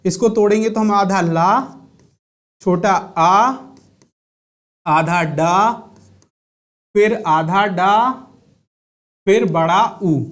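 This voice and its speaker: A man teaching a grammar lesson, often repeating key terms as questions to his students. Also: high-pitched.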